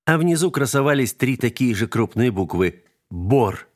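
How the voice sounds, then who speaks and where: A man's voice: medium pitch, lively intonation, moderate pace. Man reading a story aloud. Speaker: narrator. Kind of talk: audiobook narration.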